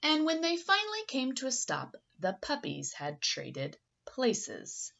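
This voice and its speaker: Female storybook reader: highish voice, swooping theatrical delivery aimed at young listeners, slightly dull sound. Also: huge pitch swings, slow, gravelly, a bit bright. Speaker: picture book reader. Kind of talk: expressive children's story read-aloud.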